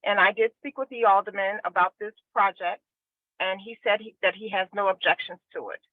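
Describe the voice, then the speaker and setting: A woman's voice: medium pitch, steady tone, brisk, no echo. A woman calling in by phone while driving, speaking on car speakerphone as a staff member giving a polite, matter-of-fact statement at a public hearing. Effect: phone call from a car on speakerphone. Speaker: chief of staff to a city official. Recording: tinny, dry phone line.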